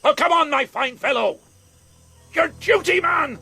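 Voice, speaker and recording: An actor playing a stern, dry-witted British ship's captain in a radio drama, speaking in a clipped, imperious way. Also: male voice, very high-pitched, lively intonation, unhurried, creaky, sharp tone, heavily acted. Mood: stern command.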